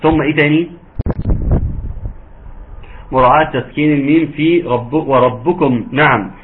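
Egyptian man teaching Quran recitation over a thin line. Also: fairly high pitch. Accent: Egyptian Arabic. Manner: patient, encouraging, breaks into slow drawn-out recitation. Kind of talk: online tajweed lesson. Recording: narrow phone-like audio, faint hiss.

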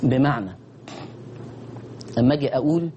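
An Egyptian man teaching Quran recitation in a warm, mellow voice, chanting example words slowly and repeating his points. A faint noisy ambience sits under the recording. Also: mid-range voice, expressive. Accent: Egyptian Arabic. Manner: demonstrates sounds, chanting verses slowly; repeats phrases for emphasis. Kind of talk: tajweed lesson.

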